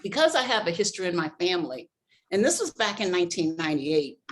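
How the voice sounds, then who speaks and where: An older woman from Boston, slightly low in pitch, speaking as a guest on an interview podcast. She speaks earnestly and gratefully, in a measured, steady way. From Boston, East Coast. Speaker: life coach guest.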